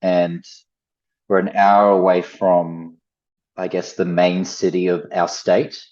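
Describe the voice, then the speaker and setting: Speaking low, slow and flat with a slightly mellow quality, a man in his thirties from the Gold Coast chats casually as a podcast guest in his Australian accent. He's at home in the main living space, and the audio sounds dull.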